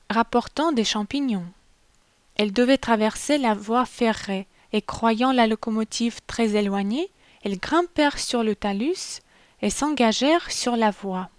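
A woman reading a short story aloud in a measured, calm storytelling manner. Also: on the high side, dry recording. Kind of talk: storybook narration.

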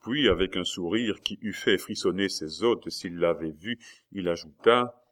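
A man reading a historical novel aloud as a narrator, steady and dramatic. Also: sits low, measured pace. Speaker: audiobook narrator. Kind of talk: scripted narration.

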